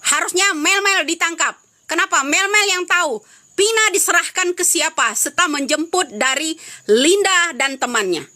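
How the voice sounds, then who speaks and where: Scolding high-voiced woman on a live stream. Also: expressive, moderate pace, sharp tone. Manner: scolding, repetitive, rhetorical questions. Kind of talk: angry live-stream commentary.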